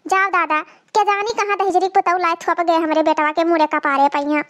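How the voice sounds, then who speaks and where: A woman plays a cartoon mother-in-law, an old village woman who nags and complains without end. She speaks with a broad Awadhi accent in a very high, shrill voice and a slow, drawn-out delivery. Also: steady tone, lo-fi sound. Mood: scolding. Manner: loud, nagging, complaining. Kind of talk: cartoon comedy voice acting.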